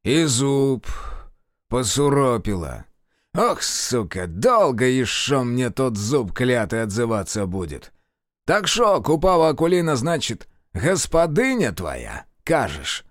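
A man voicing a fierce, scornful old village sorcerer who speaks bluntly in rough rustic speech and swears. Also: medium pitch, very animated, slow pace, no room sound, studio quality. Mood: gruff.

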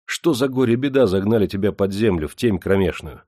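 A man voicing a gruff but kindhearted young miner in plain old folk speech. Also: lowish voice, lively intonation, a little fast, dark tone, dry recording, studio quality. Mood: gentle.

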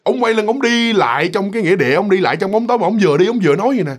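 A man with a Mekong Delta accent who tells a ghost story casually, talking straight to his audience. His voice is high for a man, and his delivery rushes along with loose, repeated phrasing. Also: animated. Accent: Southern Vietnamese, Mekong Delta. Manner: chatty, loose and repetitive, addresses listeners directly. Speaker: storyteller, channel host.

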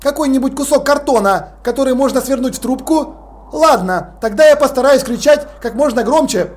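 A man's voice: extremely high pitch, brisk, pitched above the performer's own voice. Man voicing an earnest young watchman. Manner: earnest, eager. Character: earnest dutiful young male watch officer.

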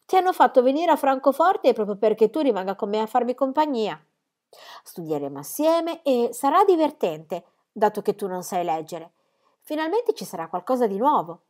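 A woman reading aloud, voicing a gentle, thoughtful twelve-year-old girl who chats softly. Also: on the high side, very animated, moderate pace, pitched above the performer's own voice. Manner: soft, thoughtful, chatty.

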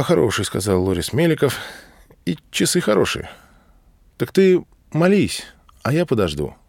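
A man narrating a classic novel as an audiobook, reading in a measured literary way and lifting his pitch for some characters' lines. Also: a little mellow, dry recording, clean studio sound.

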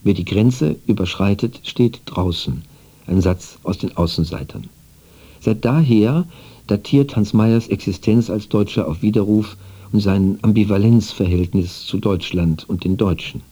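A man narrating a scripted radio feature in an even, formal, literary manner. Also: fairly low pitch, unhurried, husky.

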